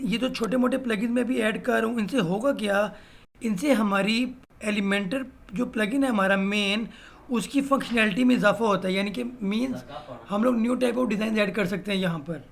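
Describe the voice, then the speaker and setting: A man's voice: high-pitched, moderate pace, creaky, fairly bright tone, a little hiss or hum. A man teaching a step-by-step screen-recorded web design lesson, often adding "भाई" as he explains. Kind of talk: screen-recorded software tutorial.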